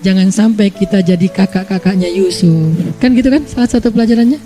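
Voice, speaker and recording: High-voiced Indonesian preacher, chatty. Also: male voice, fast, mellow, faint music behind. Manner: chatty and playful, acting out examples. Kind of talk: casual religious lecture.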